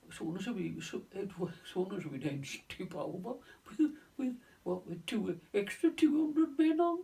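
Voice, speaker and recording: A man in his nineties tells his wartime navy memories in halting, restarting phrases, leaning on "of course". His voice is gravelly and slightly raised in pitch. He sits a little away from the microphone. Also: expressive, warm tone. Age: 90s. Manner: halting, with many restarts and repeated words; leans on stock phrases like "of course" and "lo and behold". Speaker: navy veteran recounting wartime service. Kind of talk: oral history reminiscence. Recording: voice distant from the mic.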